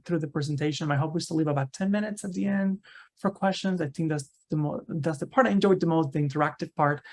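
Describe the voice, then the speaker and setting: A man from Cuba, a university researcher giving an online seminar talk over a video call in a conversational way, often tagging his sentences with "right?" and restarting phrases. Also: fairly high pitch.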